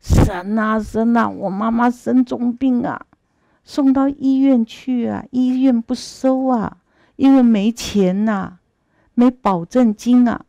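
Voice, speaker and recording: A woman's voice: on the high side, steady tone, gravelly, warm tone, no room sound, voice pushed up. A woman doing a sobbing, begging young man. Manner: sobbing, drawn-out pleading. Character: weeping filial young man begging for help.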